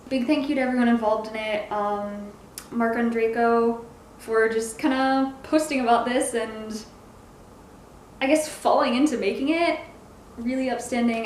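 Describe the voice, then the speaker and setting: Echoey, higher-voiced woman chatting through a review. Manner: hesitant, groping for words, self-correcting. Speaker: comic book reviewer. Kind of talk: casual review chat. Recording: echoey room, faint background noise.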